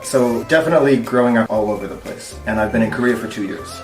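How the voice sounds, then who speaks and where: A man's voice: mid-range voice, fast talker, far from the mic. Chatty American man with roomy echo. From United States. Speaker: guest. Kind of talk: casual interview. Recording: roomy echo with music behind.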